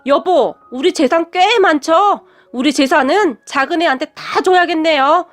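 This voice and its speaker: A woman reading the lines of a sharp-tongued, scheming older mother-in-law in a blunt, scolding way. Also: very high voice, a little slow, faint music behind.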